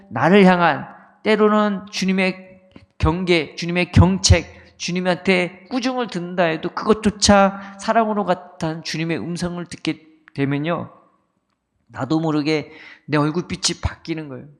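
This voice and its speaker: A male pastor preaching an early-morning sermon with emphatic, repeated phrases and a rising and falling delivery. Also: a little high. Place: church sanctuary. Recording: long reverb of a church hall.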